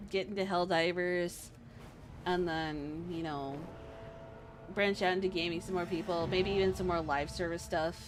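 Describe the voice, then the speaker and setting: Woman, low voice, casual streamer chat, informal and frank, faint music behind. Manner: informal, frank advice-giving. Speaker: game streamer. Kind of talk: casual chat over a game. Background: faint game music.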